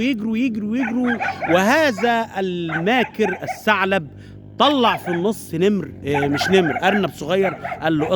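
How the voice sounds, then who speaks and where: A man with an Egyptian Arabic accent informally telling a traditional animal fable as a storyteller, animated and digressive, addressing his viewers directly. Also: mid-range voice, slight background noise.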